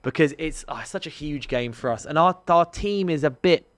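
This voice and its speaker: On a live stream, a chatty man from London who co-hosts a podcast talks sports casually, his voice a little high, animated and somewhat fast. He speaks to viewers, rambling and restarting, with no echo.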